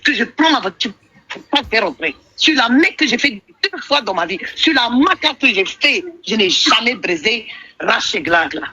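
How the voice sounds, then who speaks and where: A woman's voice: fairly high pitch, sing-song, moderate pace, sharp tone, slightly rough, no room sound. A woman calling into a live stream, hesitant and defensive, repeating herself. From Ivory Coast. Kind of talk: heated phone call on a live stream. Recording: muffled phone-call audio.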